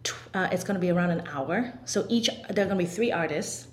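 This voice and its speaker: A woman from Hong Kong, a singer and composer, talking as a guest in an interview with quick bursts and restarts. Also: fairly low pitch. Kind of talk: interview conversation. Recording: roomy echo.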